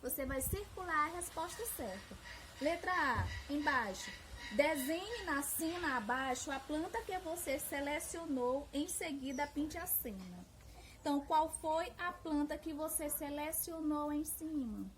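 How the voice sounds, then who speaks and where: A Brazilian woman teacher talks young children through a lesson in a high, sing-song voice, drawing out each syllable with patience. She sits back from the mic in a roomy, echoing space. A faint hiss runs under her voice. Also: expressive, unhurried, recorded from a distance. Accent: Brazilian Portuguese.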